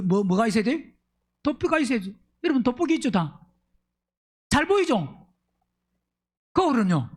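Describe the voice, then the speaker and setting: A man preaching a Sunday sermon as pastor, firing questions at the congregation and swinging between loud emphatic bursts and low asides. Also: breathy edge. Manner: fires rhetorical questions at the congregation.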